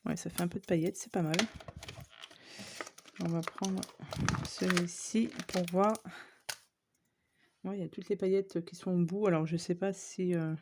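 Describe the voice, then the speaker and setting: A woman's voice: on the low side, fairly even intonation, a little slow, pauses often, noisy background. A woman chatting casually to viewers as she shows off craft supplies she bought, with lots of fillers and small asides. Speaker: scrapbooking vlogger. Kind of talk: casual shopping haul show-and-tell.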